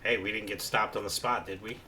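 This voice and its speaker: A man narrating his own gameplay in a relaxed, rambling way, full of ums and restarts. His voice is low yet bright and forward, with faint noise underneath. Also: brisk. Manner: casual, rambling, with many fillers. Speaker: gameplay commentator. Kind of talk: let's play commentary.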